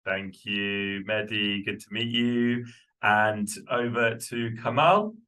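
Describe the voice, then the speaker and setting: Male workshop host, low bright voice, courteous quick handovers. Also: clear, resonant tone. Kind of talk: hosting a video call.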